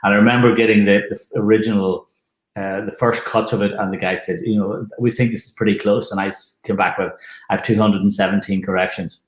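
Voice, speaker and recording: Deep-voiced man with room echo. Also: steady tone, a little fast. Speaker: musician guest. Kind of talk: casual anecdotal interview talk. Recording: roomy, echoing sound.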